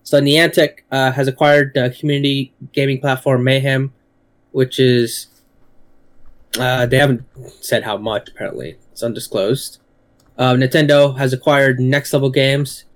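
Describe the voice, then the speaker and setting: A man co-hosting a gaming podcast, running through news in a hesitant way with many pauses and fillers. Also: mid-range voice, flat delivery. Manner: hesitant, lots of uh and restarts. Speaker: podcast co-host. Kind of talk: casual gaming podcast chat.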